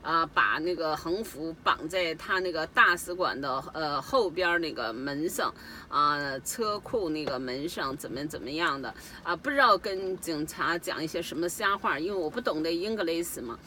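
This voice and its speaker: Indignant woman, bright voice. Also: low voice, expressive, moderate pace, slight background noise. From Dalian, northeast China. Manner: heated, indignant, growing louder as she tells it. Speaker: petitioner recounting an incident. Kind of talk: emotional first-person account.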